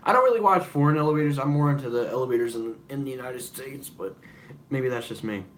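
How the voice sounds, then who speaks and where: A man's voice: mid-range voice, animated, quick pace, fairly bright tone, slight background noise. A young man hosting a casual live-stream Q&A, rambling with many fillers and apologies. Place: room at home with noise behind.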